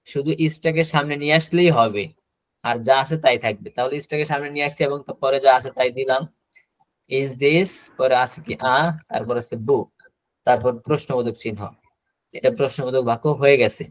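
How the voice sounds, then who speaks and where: A man's voice: mid-range voice, dry recording. Patient man teaching online. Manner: patient, repeats each example slowly; drills pronunciation with students. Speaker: English teacher. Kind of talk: online spoken-English class. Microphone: video call.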